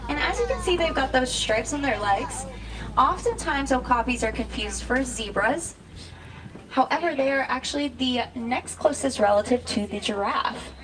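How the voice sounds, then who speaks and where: A woman's voice: high voice, expressive, normal speed, poor audio. A woman from Texas working as a safari guide, giving welcoming scripted tour narration to riders on a truck. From Dallas, Texas. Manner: welcoming, addresses riders as friends. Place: outdoor open safari truck.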